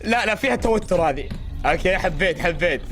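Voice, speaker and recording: Excitable guy yelling and joking over clips, high voice, talks quick. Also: music in the background. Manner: excitable, joking, shouty exclamations. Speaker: reaction video host. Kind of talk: reacting to horror clips.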